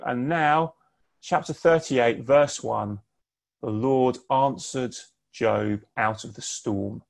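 A man giving a sermon online, speaking in a measured, conversational way with pauses for emphasis. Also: mid-range voice. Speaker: preacher. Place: home, preaching online.

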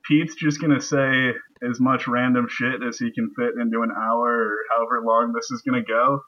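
Bright-voiced man hosting a podcast. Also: mid-range voice, level tone, moderate pace, lo-fi sound. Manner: joking, self-deprecating. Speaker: podcast host. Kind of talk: casual sports podcast chat.

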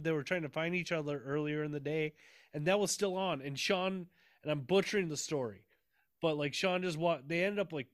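A man's voice: high-pitched, fairly bright tone, dry recording. A man with a slightly raised voice recounts a weekend in a loose, rambling way. He laughs often and swears freely. The sound is close and dry. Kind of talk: casual recap chat.

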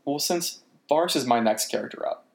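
A woman co-hosting a casual chat, animated and opinionated, quick to disagree. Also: very deep voice, creaky. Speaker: podcast co-host.

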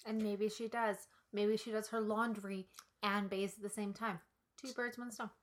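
A woman co-hosting a comedy podcast, teasing the story with quick jokes. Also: medium pitch, level tone. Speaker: podcast co-host. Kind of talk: casual comic chat.

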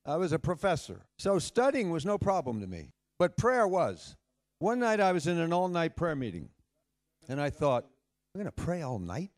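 A man preaching a sermon to a congregation in an animated way, acting out the voices he quotes. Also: a little high, moderate pace. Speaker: pastor. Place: congregation hall, door open to wind.

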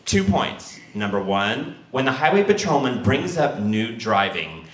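A man telling a personal true story in an animated, excitable way. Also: measured pace, reverberant. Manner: animated, excitable, acts out quotes with big pitch jumps.

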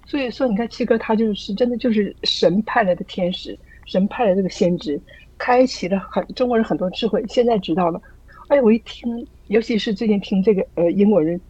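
A woman's voice: mid-range voice, fairly quick, a little mellow, slightly rough, no room sound, lo-fi sound. A woman sharing her views in a casual group call, earnest and full of rhetorical questions, often restarting her sentences. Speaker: church group member sharing.

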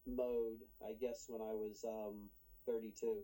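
Guy chatting on a podcast, super dark voice, lots of ums and restarts. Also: lowish voice, little pitch movement, poor audio. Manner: halting, many ums and restarts. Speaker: guest. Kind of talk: casual interview chat.

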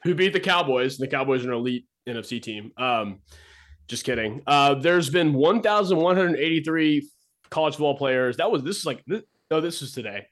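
A man's voice: on the high side, animated, a little fast, fairly bright tone. A man co-hosting a casual sports podcast, joking and sarcastic in his banter. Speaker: podcast co-host.

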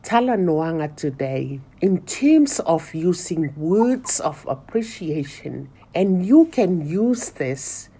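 Female language teacher, very unhurried delivery, soft mellow tone. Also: fairly low pitch, sing-song, slightly rough. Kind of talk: instructional, phrase-by-phrase teaching.

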